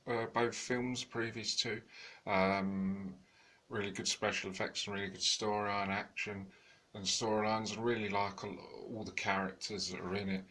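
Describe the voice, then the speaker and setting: Rambling deep-voiced man reviewing films. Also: fairly bright tone. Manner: rambling, many fillers and restarts. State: tired, yawning. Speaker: home video reviewer. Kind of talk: casual unscripted review.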